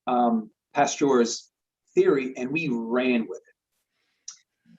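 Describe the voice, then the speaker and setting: Very slowly and in a mid-range, darkish voice, a male guest expert earnestly explains a topic in casual conversation. He frequently repeats words and checks in with "right?", recorded in slightly dull lo-fi.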